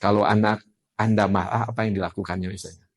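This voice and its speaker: A man's voice: fairly low pitch, quick pace. Man lecturing. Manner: lively, asks the class questions. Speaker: NLP trainer. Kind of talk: classroom lecture.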